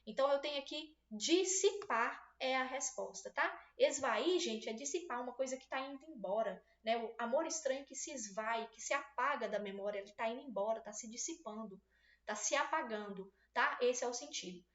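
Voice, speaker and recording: High-voiced woman teaching in a roomy space. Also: a little fast, a bit bright. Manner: patient, explanatory, checks in with students often. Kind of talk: exam-prep video lesson. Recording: roomy, slightly dull recording.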